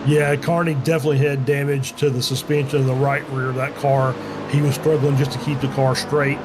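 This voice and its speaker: A man's voice: mid-range voice, little pitch movement, fairly quick, noisy background. A man acting as motorsport co-commentator, analysing the race in an explanatory, somewhat hesitant way.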